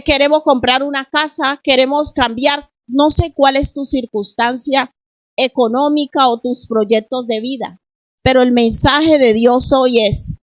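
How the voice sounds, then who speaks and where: A woman's voice: sits high, dry recording, low-quality recording. A middle-aged woman pastor preaching a sermon in church, asking the congregation question after question. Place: church in Spain.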